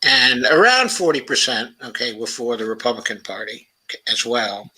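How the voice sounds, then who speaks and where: A man's voice: mid-range voice, sharp tone, husky, rough recording. A man hosting a casual livestream talk show, thinking aloud and often dropping in "okay" and "uh" as he goes. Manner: thinking aloud, unhurried, sprinkles "okay" and "uh" through sentences. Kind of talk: casual livestream commentary, reading viewer comments.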